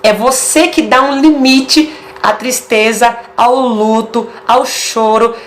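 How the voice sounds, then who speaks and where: A woman's voice: fairly high pitch, steady tone, takes it slowly, slight background noise. A woman with a Brazilian Portuguese accent giving a casual video sermon, emphatic and stacking short repeated phrases.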